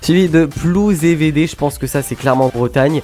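A man's voice: fairly high pitch, brisk, dark tone, faint music behind. A young man hosting an amateur radio show, reading TV listings with many fillers and jokes. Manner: hesitant, full of fillers, jokey. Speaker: radio host.

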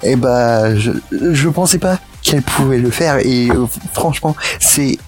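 A young man hosting a casual radio show, talking in a halting, hesitant way and laughing often. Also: mid-range voice, darkish tone, faint music behind.

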